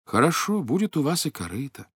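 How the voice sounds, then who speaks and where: A man voicing a calm, gentle magical golden fish that speaks softly. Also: a little high, a little fast, husky, no room sound, clean studio sound.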